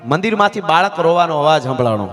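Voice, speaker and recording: A man's voice: a little high, lively intonation, quick pace, a bit bright. A man, telling a folk tale dramatically to an audience he calls friends, with humorous asides. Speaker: folk storyteller. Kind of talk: live folk storytelling with humor. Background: stringed instrument music.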